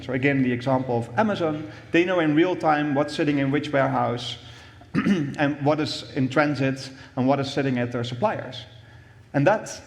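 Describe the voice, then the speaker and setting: A man, an industry executive, giving an explanatory conference talk, often repeating words as he thinks. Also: on the high side. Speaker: industry VP presenting. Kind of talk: conference presentation. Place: conference room on stage. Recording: long hall reverb.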